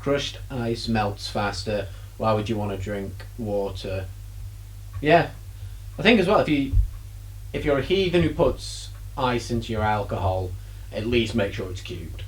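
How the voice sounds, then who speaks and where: A man's voice: lowish voice, unhurried, rough recording. A man, co-hosting a podcast in casual, teasing, profane banter. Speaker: podcast co-host.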